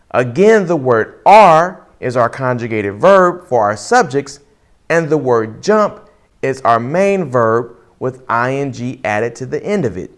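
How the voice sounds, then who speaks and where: A man teaching an English lesson in a playful, deliberate way, quizzing the listener. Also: mid-range voice. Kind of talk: lesson voice-over over movie clips.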